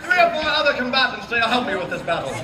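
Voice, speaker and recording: Man as a very high-pitched mock-regal fair royal. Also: sing-song, fast. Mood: mock-regal, effusive. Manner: effusive, proclaiming, mock-regal. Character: haughty English royal presiding over human chess at a fair. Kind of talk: theatrical Renaissance fair olde speech. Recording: echoey fairground, loud crowd and noise. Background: loud cheering crowd and noise.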